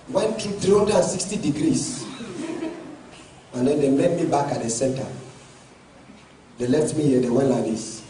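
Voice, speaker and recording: A male pastor preaching a sermon, often rising to shouted emphasis. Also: fairly high pitch. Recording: echoey hall from far off, faint noise.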